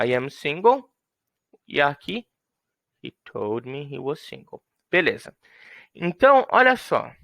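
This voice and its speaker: Lively, gravelly-voiced Brazilian male teacher. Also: a little high, no echo. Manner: lively, playful, acts out little scenes with example sentences. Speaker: English teacher. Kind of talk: explaining grammar to students.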